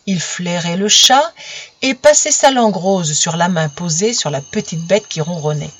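A woman narrating a children's storybook gently, speaking directly to her young listeners, on a dull lo-fi recording. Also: lowish voice, expressive, normal speed, breathy edge, dry recording. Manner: gentle, intimate address to children.

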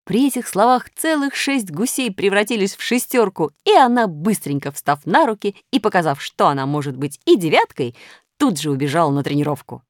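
A woman reading a children's story aloud in an expressive way. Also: on the low side, a little fast, dry recording, studio quality.

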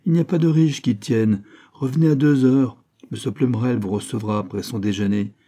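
A man's voice: mid-range voice, normal speed, warm tone, natural voice. A man reading an audiobook, voicing a curt, sarcastic head law clerk with a brusque, impatient manner.

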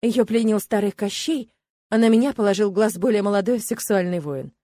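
A woman reading a first-person romance audiobook in an expressive, ironic way. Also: medium pitch, a little fast, no room sound. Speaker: audiobook narrator.

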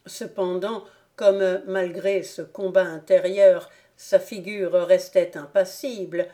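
A woman narrating a classic novel as an audiobook, calm and measured. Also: fairly low pitch.

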